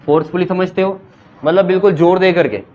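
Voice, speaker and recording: A man's voice: sits high, fairly even intonation, brisk, a little mellow, lo-fi sound. A man teaching an English grammar class, mixing Hindi explanations with English example sentences and quizzing his students as he goes.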